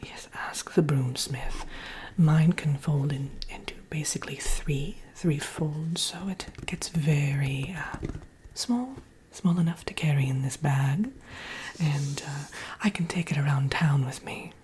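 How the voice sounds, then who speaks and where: A woman voicing a vain, sassy witch in a breathy, unhurried ASMR whisper, coy and condescendingly friendly. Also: deep voice, slight background noise, low-quality recording. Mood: chatty, confiding. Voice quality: breathy, soft-spoken whisper. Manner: unhurried, coy, self-admiring, calls listener dearie.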